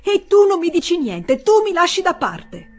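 A woman's voice: fairly low pitch, moderate pace, natural voice. A woman voicing a proud, resentful middle-aged senator with a raised, reproachful voice. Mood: indignant.

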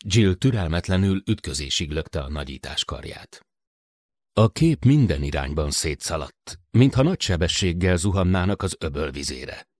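Low-voiced man for audiobook narration; measured, steady reading, dry close mic. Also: no room sound. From Hungary. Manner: measured, even storytelling. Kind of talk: scripted narration.

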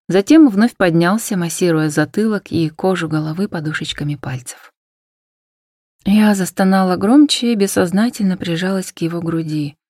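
A woman narrates a first-person story in a soft, intimate, hushed manner, with the occasional breathy whisper. Her voice sits on the low side, and the recording is dry and close to the microphone. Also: no room sound. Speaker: audiobook narrator.

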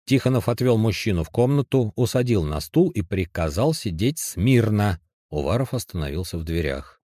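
Low-voiced man narrating an audiobook. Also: expressive, moderate pace, mellow, no echo, studio quality.

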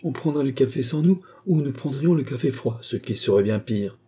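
A man's voice: medium pitch, lively intonation, moderate pace, warm tone, husky, voice pushed up. A man voicing a vain, sly and jovial very old marshal in a storybook reading. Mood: gleeful.

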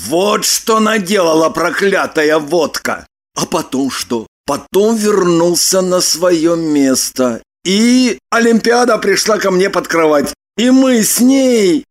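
A gruff, hungover man who mutters slowly in a gravelly, husky voice, as a woman reader puts him on. Audiobook character delivery. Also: fairly low pitch, big pitch swings, a bit bright, full character voice. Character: hungover grumbling middle-aged man.

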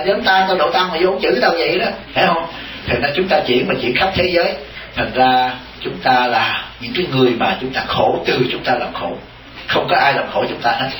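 Man, Buddhist monk, animated sermon, fairly high voice, echoey temple hall. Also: recorded from a distance, a little hiss or hum. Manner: animated, teasing, addresses audience directly. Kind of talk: dharma talk sermon.

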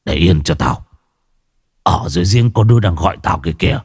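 A man's voice: deep voice, animated, fairly quick, pitched below the performer's own voice. A man voicing a possessed old village man who mutters coldly and menacingly. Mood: eerie, menacing.

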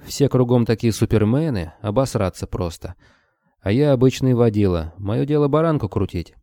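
A man's voice: mid-range voice, expressive, moderate pace, warm tone, dry recording, clean studio sound, voice pushed up, lightly acted. A man voicing a blond young male werewolf, a plain driver who grumbles and talks coarsely. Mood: grumbling.

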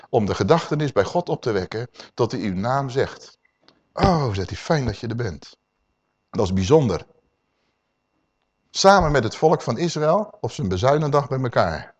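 A man preaching a sermon to a congregation, animated and full of rhetorical questions. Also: medium pitch, highs cut off.

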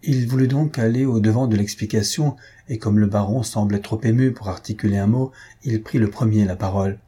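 A man reading a novel aloud as scripted narration, in a measured, literary manner. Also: on the low side, warm tone, slightly rough. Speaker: audiobook reader.

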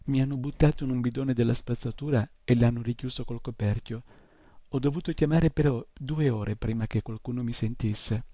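A man reading aloud and voicing a timid, softly spoken young boy in an audiobook. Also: medium pitch, steady tone, normal speed, no room sound, close to an everyday voice. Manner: quiet, hesitant.

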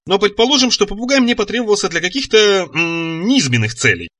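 A man's voice: high voice, very animated, quick pace, sharp tone, no echo, pitched above the performer's own voice, exaggerated voice. A man voicing a fussy, nervous middle-aged scholar who talks pedantically and hesitantly.

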